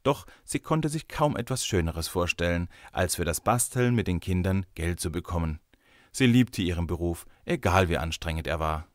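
A man reading a story aloud in a lively, expressive storytelling manner. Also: low-pitched, moderate pace, dry recording, studio quality. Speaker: narrator.

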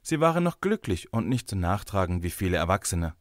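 Guy reading an audiobook, lowish voice, really animated, dry close sound. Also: a little fast, dry recording. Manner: lively, expressive storytelling. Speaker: narrator.

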